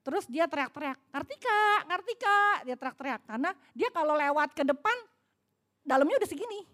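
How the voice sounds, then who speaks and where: A woman's voice: high-pitched, expressive, fast talker. A middle-aged woman, preaching in a chatty storytelling way, often asking the audience questions. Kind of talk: sermon with personal stories.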